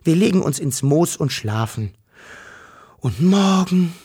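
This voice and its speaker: A man voicing a small, timid female creature with green hair in a storybook reading, speaking higher than his own voice in an anxious, sighing way. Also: expressive, slow pace, mellow, breathy edge, full character voice. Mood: hopeful.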